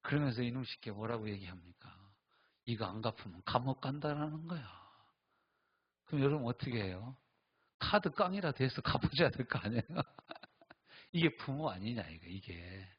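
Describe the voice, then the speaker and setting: A man's voice: medium pitch, moderate pace, breathy edge, dull audio. A middle-aged male pastor preaching at a Friday night service, telling stories with acted-out voices. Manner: animated storytelling, acts out quoted voices and laughs.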